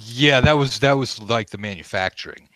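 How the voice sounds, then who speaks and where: A man improvising narration as game master of a tabletop game, often halting to search for words. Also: medium pitch, fairly bright tone, dry recording, rough recording.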